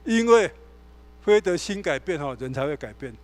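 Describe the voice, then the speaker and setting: A male pastor with a Taiwanese Mandarin accent delivers a sermon in a church sanctuary. His voice sits a touch higher than most men's. He tells stories with animated energy, acting out the dialogue as he goes. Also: normal speed. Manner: animated storytelling, acts out dialogue.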